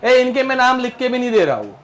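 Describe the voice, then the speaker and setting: Male chem teacher, high voice, drills students with mnemonics. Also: sing-song, fast talker. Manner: drills mnemonics, scolds students, Hindi mixed with English terms. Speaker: chemistry teacher. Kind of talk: classroom lecture.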